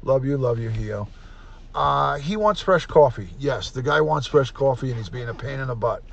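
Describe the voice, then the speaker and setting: Gravelly-voiced New man in his fifties. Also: mid-range voice, expressive, moderate pace, lo-fi sound. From United States. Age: 50s. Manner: chatty, reads out viewer names and thanks them. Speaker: live stream host. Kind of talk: casual live stream sign-off.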